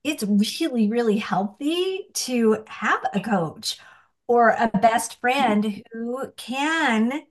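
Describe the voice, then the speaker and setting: A woman in her forties speaks slowly as a guest on a faith-based chat. She often stops and restarts her sentences. Her voice sits a little higher than most. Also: animated. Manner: halting, restarts, laughs often. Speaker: guest, coaching client.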